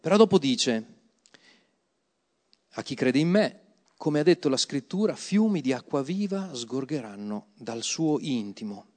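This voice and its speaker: A man preaching and leading prayer in church, slow and prayerful, rising to loud fervent exclamations. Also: medium pitch, lively intonation. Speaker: pastor. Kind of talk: sermon.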